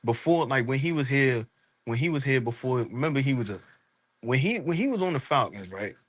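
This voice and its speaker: A man's voice: medium pitch, animated, a little fast, a bit bright, no echo. A man talking sports casually and emphatically in street slang, often checking that the listener follows. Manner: emphatic, repeats rhetorical check-ins.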